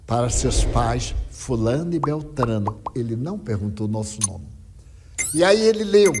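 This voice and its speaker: Older male speaker, husky, dramatic lecture storytelling in an echoey hall. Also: medium pitch. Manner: dramatic, lively storyteller quoting others. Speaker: spiritist speaker.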